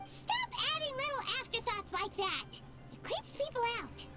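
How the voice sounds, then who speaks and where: A woman voicing a tiny childlike fairy companion in a video game, squeaky and easily spooked. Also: wildly swooping pitch, normal speed, loud music behind the voice, full character voice. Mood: uneasy, scolding.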